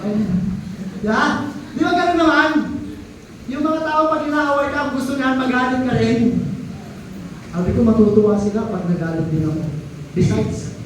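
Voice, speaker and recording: A man's voice: extremely high pitch, moderate pace, pauses often, background noise. A man with a Filipino accent preaching a sermon in a church, mixing Filipino and English and reading scripture aloud. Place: church hall. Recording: echoey hall from far off.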